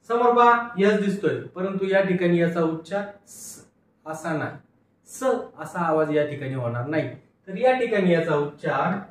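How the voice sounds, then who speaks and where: A man teaches English phonics, sounding out words and repeating them. His voice is fairly high and rings in a strongly echoing room, picked up from some distance off a far mic. He asks questions and answers them himself. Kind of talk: phonics lesson with call-and-repeat drills.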